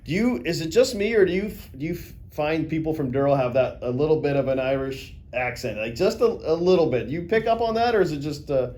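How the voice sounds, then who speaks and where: A man hosting a casual local interview, asking quick upbeat questions. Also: on the high side, lively intonation, darkish tone. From Canada. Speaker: host.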